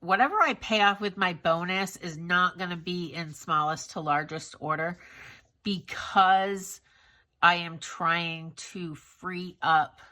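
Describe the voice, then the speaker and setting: A congested woman talks through her monthly budget in a relaxed, unhurried vlog. Her voice is fairly low yet bright and forward, and her stuffy nose comes through. She sounds candid and self-critical, with plenty of fillers and restarts. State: congested from a cold. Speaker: budgeting vlogger.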